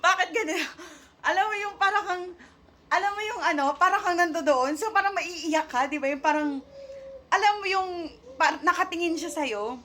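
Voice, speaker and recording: A woman giving an emotional faith testimony to her viewers, halting and searching for words as she talks, shaky and near tears at times. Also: very high-pitched, fairly bright tone, a little hiss or hum. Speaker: vlogger sharing a faith testimony.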